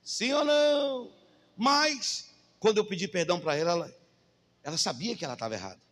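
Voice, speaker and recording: High-voiced pastor preaching. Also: male voice, expressive, normal speed, fairly bright tone, long reverb tail. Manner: emphatic preaching, rhetorical questions to the crowd. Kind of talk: sermon.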